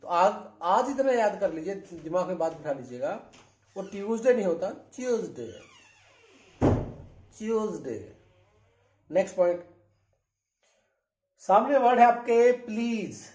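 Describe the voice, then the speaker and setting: A man's voice: high voice, animated, a little mellow, reverberant. A man with an Indian accent teaching English pronunciation, asking questions and repeating each word several times for drill. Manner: repeats words slowly for drill, asks questions. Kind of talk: classroom-style lesson.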